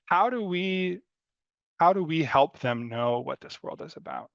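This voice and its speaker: Speaking a little slowly in a fairly high, animated, gravelly voice, a mentor rambles through friendly design feedback, packing in fillers and light self-deprecating humor. The critique is live, casual, and unscripted. The audio is dry, with no echo, and a little dull and lo-fi.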